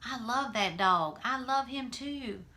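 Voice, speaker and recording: A lady doing a tired sad preacher dad, slow and soft, bright voice. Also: a little high, lively intonation, pitched above the performer's own voice, heavily acted. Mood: grieving. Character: grieving gentle preacher father, tired.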